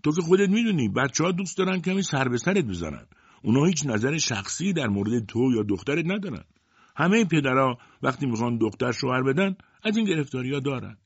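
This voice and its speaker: A man voicing a friendly male townsman who calms a friend in a raised, placating voice. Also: mid-range voice, husky, no room sound, muffled recording, pitched above the performer's own voice. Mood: soothing.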